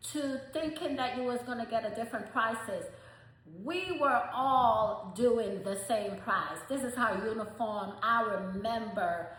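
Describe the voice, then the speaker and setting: A woman's voice: on the high side, bright, forceful tone. A woman in her fifties hosting an informal solo podcast, speaking emphatically and plainly, straight to her listeners. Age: 50s. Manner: emphatic, plain-spoken, direct address to listeners. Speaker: podcast host and hairstylist. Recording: very echoey, reverberant room.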